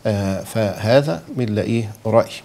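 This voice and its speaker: With a faint hiss or hum in the background, a man speaks at a moderate pace in a lowish, creaky, warm voice. He's a Quran recitation teacher with an Egyptian Arabic accent explaining letter sounds, frequently checking understanding and saying the sounds aloud to illustrate them.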